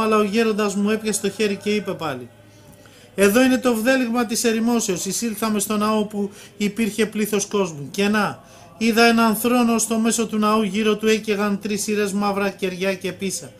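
A man reading a religious prophecy aloud at a steady pace, now and then stumbling and restarting a word. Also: high voice.

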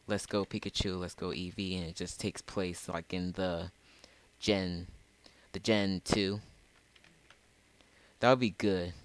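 Low-voiced rambling man gaming. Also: steady tone, takes it slowly, pauses often. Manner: rambling, self-correcting. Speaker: gamer, channel host. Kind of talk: casual let's play commentary.

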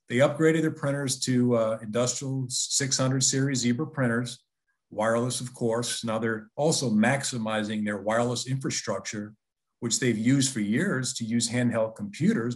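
A man giving a business webinar presentation in a conversational, persuasive way, often restarting his sentences. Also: mid-range voice.

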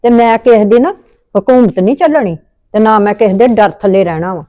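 A woman's voice: medium pitch, fairly quick, warm tone, no echo, muffled recording. A woman with a Punjabi accent acting a scolding, indignant mother-in-law in a family drama.

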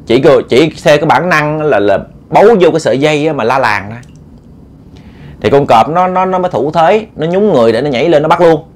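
A man with a Southern Vietnamese accent narrating a ghost story in an animated, dramatic way, often repeating words as he builds tension. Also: a little high. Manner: animated, dramatic, repetitive stammering.

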